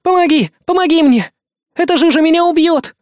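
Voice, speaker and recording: Frightened young girl, about twelve, shrill panicky pleading, very high, played by a male narrator. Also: a little fast, darkish tone, dry recording, clean studio sound. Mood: panicked pleading.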